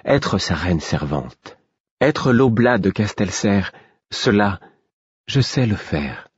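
A man's voice: fairly low pitch, sing-song, slow pace, breathy edge, no room sound, muffled recording, full character voice. A man voicing a proud, lonely young queen who speaks firmly and earnestly, in an audiobook. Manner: firm, earnest.

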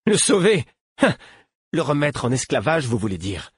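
A man voicing a frightened young male archer held prisoner, defiant and accusing, with a shrill, quavering voice. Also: big pitch swings, moderate pace, breathy edge, dry recording, clean studio sound. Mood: scornful. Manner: accusing, pressing questions.

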